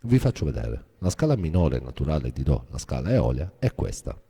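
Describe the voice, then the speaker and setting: A man's voice: a bass voice, very animated, a little fast, vocal fry. A man giving a guitar lesson, explaining a scale step by step in a methodical way. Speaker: guitar teacher. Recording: guitar playing behind voice.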